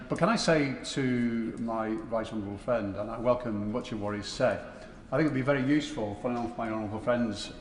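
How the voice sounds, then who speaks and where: Halting man in an echoey debating hall. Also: fairly low pitch. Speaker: member of parliament questioning a minister. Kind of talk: parliamentary question, semi-formal spoken debate. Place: large indoor parliamentary chamber. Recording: echoey hall with faint chamber noise.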